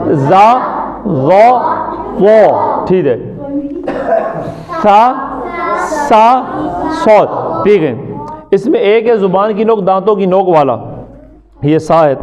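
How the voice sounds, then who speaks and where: High-voiced man drilling letter sounds. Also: dull audio. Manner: drills letter sounds, asks and answers his own questions; chants recited words slowly in a sung tone. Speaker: Quran recitation teacher. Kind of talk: classroom pronunciation lesson.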